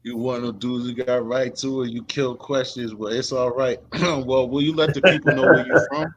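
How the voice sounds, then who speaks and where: A man's voice: mid-range voice, steady tone, moderate pace, dull audio. A man hosting a casual interview, talking in a loose, rambling way with lots of fillers. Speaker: host.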